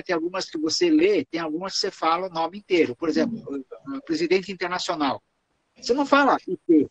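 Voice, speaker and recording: A man with a high-pitched voice and a Brazilian Portuguese accent lectures on Lions Club protocol and takes questions, explaining patiently and tagging phrases with "tá?" and "né?". The recording is dry and the audio is poor.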